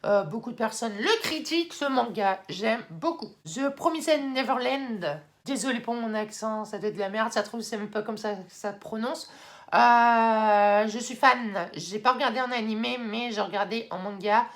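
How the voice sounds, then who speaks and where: A young woman in casual vlog talk, chatty with many fillers and excited bursts, now and then moving off the mic. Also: a little high, normal speed. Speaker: YouTuber ranking anime. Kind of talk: casual vlog tier list.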